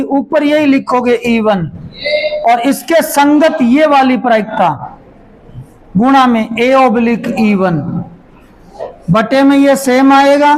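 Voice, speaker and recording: A man teaching a maths lesson, going through each step slowly and repeating it while he writes it out. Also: very high voice, a little hiss or hum, poor audio. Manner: slow, repeats steps as he writes. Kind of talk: classroom lesson explanation.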